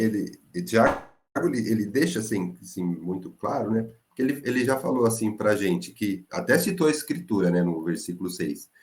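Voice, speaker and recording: Animated Brazilian Bible study leader. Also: male voice, lowish voice. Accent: Brazilian Portuguese. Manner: animated, rising emphatically when exhorting. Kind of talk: church Bible study discussion.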